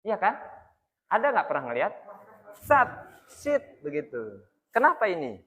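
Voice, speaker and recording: A man's voice: high voice, very animated, moderate pace, a bit bright. A man giving a religious study lecture in a mosque, explaining prayer rules step by step and addressing the men in the audience as "Pak" again and again. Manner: demonstrates recitations by chanting them. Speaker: Islamic religious teacher. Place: mosque hall. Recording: long echo of a mosque hall.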